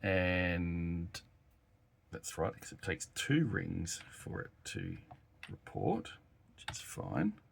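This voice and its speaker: Thinking aloud as he types, a man hesitantly walks through a casual live developer demo. He speaks slowly in a low-pitched voice with vocal fry, and his pitch swoops wildly. The room is noisy, with keyboard clicks and typing from his workbench in the background.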